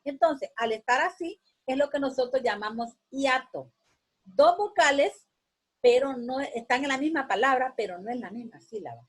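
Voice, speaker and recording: A woman teacher giving a slow, explanatory grammar lesson, repeating words and checking in with her students. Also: high voice, lively intonation, slightly rough.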